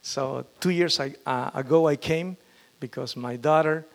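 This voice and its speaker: Pastor, halting delivery. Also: male voice, on the high side, gravelly. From Peru. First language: Spanish. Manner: halting, with frequent fillers and restarts. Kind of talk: testimony sermon.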